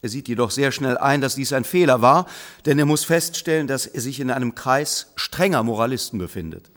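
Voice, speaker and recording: A man reading a comic story aloud as narrator, with wry, lively storytelling. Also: medium pitch, fairly quick, long reverb tail.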